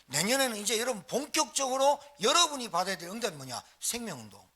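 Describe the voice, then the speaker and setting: A man's voice: very high-pitched, very animated, quick pace, sharp tone. A male pastor preaching a live sermon in a church, exhorting the congregation with short repeated phrases and calls for response. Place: church sanctuary, live service.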